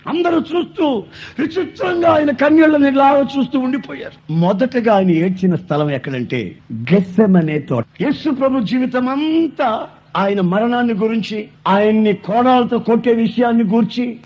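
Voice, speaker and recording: A man preaching a sermon, telling stories and building to loud, emphatic declaiming. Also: extremely high pitch, lively intonation, normal speed, highs cut off.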